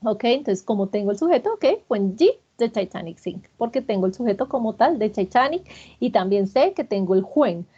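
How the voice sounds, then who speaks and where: A woman's voice: medium pitch, animated, moderate pace, mellow, breathy edge, lo-fi sound. A woman teaching English grammar to a class, patiently repeating students' answers and praising them.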